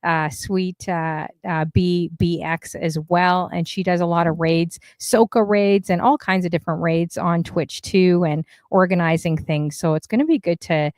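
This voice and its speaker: Chatty low-voiced woman host. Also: fairly even intonation, unhurried, hardly any pauses, a little mellow, dry recording, clean studio sound. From Canada. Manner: chatty, upbeat, lots of fillers. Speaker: talk show host. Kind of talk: casual livestream interview.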